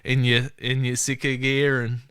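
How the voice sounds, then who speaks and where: An Australian man hosting a podcast, chatting in a relaxed way with laid-back slang. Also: medium pitch, moderate pace, clear, resonant tone, dry recording, clean studio sound. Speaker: podcast host. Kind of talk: casual interview chat.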